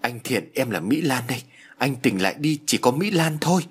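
A man's voice: medium pitch, big pitch swings, moderate pace, slightly rough. A man voicing a young woman doctor who talks in an anxious, pleading way in an audio story. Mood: worried.

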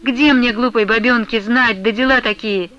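A woman's voice: sits high, moderate pace, fairly bright tone, highs cut off, pitched above the performer's own voice. A woman reading an audiobook, voicing a tearful young widow who pleads and sobs with her beloved. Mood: sobbing. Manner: pleading, sobbing, endearing.

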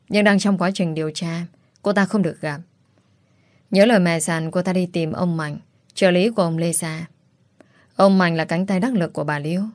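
A woman reads a romance story aloud in a steady, even way. Her voice sits a little low and the recording is dry and close. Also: no room sound. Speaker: narrator. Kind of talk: scripted story narration.

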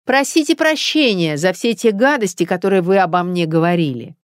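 A woman reading a spiteful young woman who mocks an older cook in a slow, savoring way. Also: lowish voice, lively intonation, dry recording, studio quality, close to an everyday voice. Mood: demanding.

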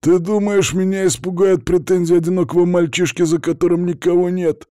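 A man's voice: medium pitch, expressive, moderate pace, dark tone, dry recording, studio quality, close to an everyday voice. A man voicing a cynical, irritable middle-aged head of an aristocratic clan, who speaks in clipped, scornful retorts.

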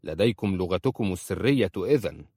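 A calm young husband speaks in a low, teasing tone, as a male narrator reads his part. The storybook reading is dry and close to the mic. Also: fairly quick, breathy edge, dry recording, heavily acted.

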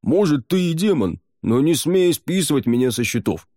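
A man voicing a burly, gruff warrior who boasts and grumbles. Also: on the high side, sing-song, normal speed, dark tone, pitched above the performer's own voice. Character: burly bass-voiced male warrior.

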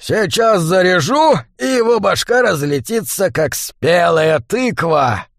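A man voicing a crude, trigger-happy male hitman who shouts his lines in a raised voice. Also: sits high, lively intonation, takes it slowly, no echo, studio quality, pitched above the performer's own voice, full character voice. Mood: brash. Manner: rough, yelling, crude.

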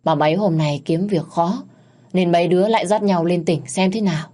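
A woman's voice: lowish voice, brisk, dark tone, close to an everyday voice. A woman voicing an earnest young husband who explains his plans plainly in a storytelling recording.

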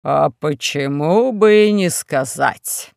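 A reader voicing a pompous, scheming underground dictator who makes slow, self-important proclamations in an audiobook. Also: mid-range voice, gravelly, a little mellow, smooth, no echo, clean studio sound, pitched below the performer's own voice. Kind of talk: audiobook character voice.

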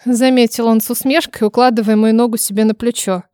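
Expressive woman reading an audiobook. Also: fairly high pitch, a little fast, dry recording, clean studio sound. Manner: expressive, dramatic storytelling. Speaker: audiobook narrator. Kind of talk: first-person scripted narration.

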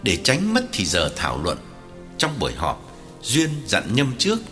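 A man narrating an audiobook in scripted narration with an expressive delivery. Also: on the low side, measured pace, faint music behind.

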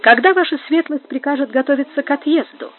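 A patient manservant speaks respectfully and coaxingly to his master, as a woman reader voices him. The delivery is even and measured. The sound is thin and tinny, like a phone line. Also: sits high, voice pushed up, lightly acted. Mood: deferential. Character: patient, deferential male servant.

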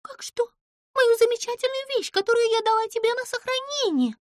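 A woman voicing an excitable, bossy little female animal in an audiobook, with a squeaky, shrill, dramatic voice. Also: moderate pace, no room sound, studio quality. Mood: demanding. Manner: breathless, demanding, dramatic. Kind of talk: audiobook character voice.

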